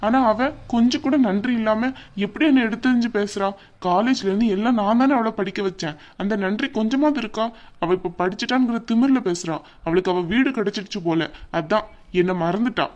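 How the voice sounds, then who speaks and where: A woman's voice: medium pitch, dull audio, natural voice. A woman voicing a heartbroken young husband in a cartoon drama, who talks wearily and begs to be left alone. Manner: weary, pleading to be left alone.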